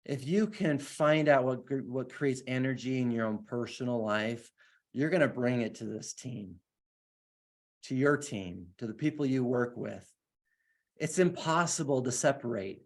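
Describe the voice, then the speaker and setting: Guy giving a pep talk, earnest and eager, keeps restarting sentences, medium pitch. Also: measured pace. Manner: earnest, enthusiastic, many restarts. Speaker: guest speaker. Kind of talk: motivational talk and Q&A.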